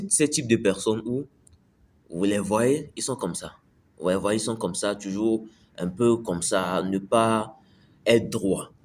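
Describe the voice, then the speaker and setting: A man giving a casual motivational talk to camera, repeating his points and checking the listener follows. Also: fairly low pitch. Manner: conversational, repeats phrases, asks "tu me suis". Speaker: self-improvement video host.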